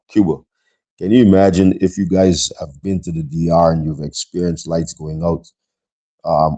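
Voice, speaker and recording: A man's voice: sits low, warm tone. A man from Guyana talking casually on his own podcast, rambling with fillers and asides to his viewers. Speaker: podcast host. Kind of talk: casual solo podcast monologue.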